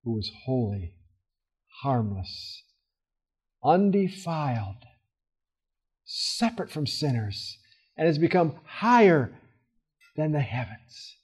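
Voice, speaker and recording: A man teaching a Bible study in a casual, earnest way, with fillers and restarts, swinging from loud emphasis to soft, quiet asides. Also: medium pitch, big pitch swings, takes it slowly, pauses often, slightly rough. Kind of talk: conversational Bible study talk.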